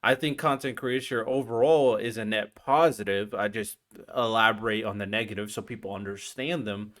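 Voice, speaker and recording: A man's voice: on the low side, moderate pace, fairly bright tone. A man reacting to a video on his stream, talking in a chatty, offhand way and often tagging his points with "right?". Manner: chatty, tags lines with "right?". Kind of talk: casual reaction commentary.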